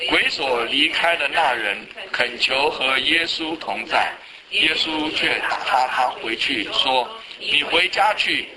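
A man leading a group Bible study, asking the group quick questions and reading scripture aloud with them. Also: a little high, poor audio. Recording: voices of a group reading along in a room.

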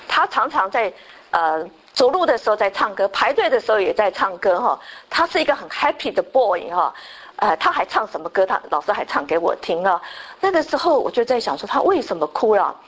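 A woman's voice: mid-range voice, sing-song, brisk, rough recording. Older woman telling a faith testimony. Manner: storytelling, many filler words and restarts; sprinkles English words into speech. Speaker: church testimony speaker.

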